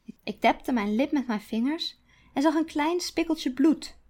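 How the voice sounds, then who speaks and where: A woman author reading her own first-person story aloud, quiet and deliberate. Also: sits high. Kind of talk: storytelling narration.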